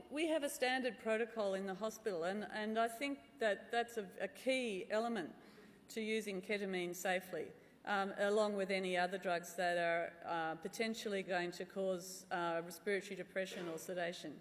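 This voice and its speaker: In a reverberant hall, a middle-aged woman answers questions as a conference speaker. She is candid and drily humorous, starting some phrases hesitantly, with a medium-pitched voice. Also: normal speed. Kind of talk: answering audience questions after a medical talk. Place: large conference room. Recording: echoey hall with long reverb.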